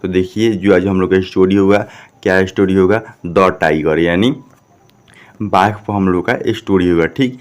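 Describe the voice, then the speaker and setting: Deep-voiced male teacher. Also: moderate pace. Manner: repeats "ठीक?" often, asks and answers his own questions. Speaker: English teacher. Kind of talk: classroom lesson, spelling out words.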